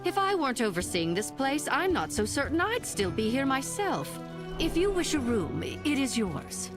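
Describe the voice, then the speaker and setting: A woman's voice: high-pitched, big pitch swings, normal speed. A woman playing an uneasy female elf innkeeper in a fantasy game, with formal, dramatic delivery. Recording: music behind.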